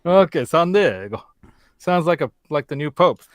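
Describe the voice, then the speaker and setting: A man's voice: fairly high pitch, expressive, normal speed, dry recording. A man hosting a casual show from his home workshop, chatting and joking while he works, laughing often and thinking aloud. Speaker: host. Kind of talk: casual chat while working on a guitar. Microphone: desk mic close by.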